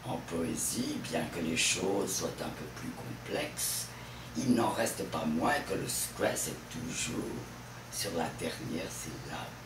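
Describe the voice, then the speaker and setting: A man giving a lecture on French verse with an expressive, theatrical delivery. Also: low-pitched, slow pace, noisy background. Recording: distant mic in an echoey room.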